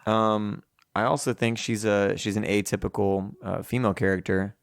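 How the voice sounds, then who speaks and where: A man co-hosting a podcast in loose, rambling chat, with a low voice that turns gravelly at the ends of phrases. He swears freely and stops to restart his sentences. The sound is close and dry, with no room around it. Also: fairly even intonation, normal speed, no echo. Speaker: podcast co-host.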